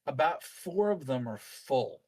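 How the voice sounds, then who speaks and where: A man's voice: medium pitch, animated, a little slow, a little mellow. A man improvising narration as game master of a tabletop roleplaying game.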